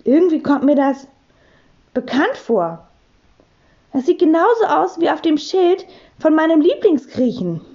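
Woman doing a cheeky slow schoolboy. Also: sits high, very animated, warm tone, dull audio, pitched above the performer's own voice, exaggerated voice.

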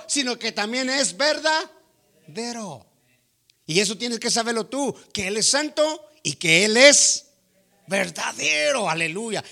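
A man's voice: very high-pitched, pushed and bright. A man preaching a sermon to a congregation, speaking emphatically, calling listeners brother and asking them rhetorical questions.

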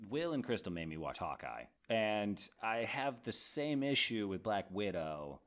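A man's voice: fairly low pitch, very animated, unhurried, a bit bright. A man co-hosting a movie podcast, chatting casually with friends and ranting with sarcastic asides. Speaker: podcast co-host. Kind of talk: casual chat.

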